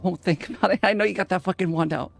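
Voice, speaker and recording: A streamer casually chatting and joking with friends while playing a game. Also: male voice, high voice, quick pace, creaky, slight background noise. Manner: playful, repeats words while playing. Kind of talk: casual gaming chat.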